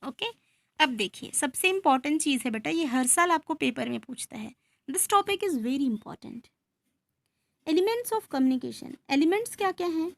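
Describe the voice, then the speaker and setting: A woman's voice: sits high, expressive, unhurried, gravelly, no echo. A woman teacher giving a classroom lecture, switching between Hindi and English and answering her own questions as she explains.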